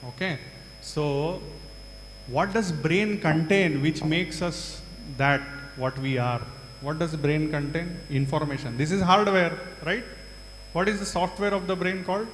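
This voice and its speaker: A man's voice: on the high side, unhurried, fairly bright tone. Man, South Indian accent, interactive classroom lecture, repeats and prompts, echoey hall, faint hum. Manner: repeats answers, prompts with short questions and tag words. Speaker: yoga teacher questioning students. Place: large hall.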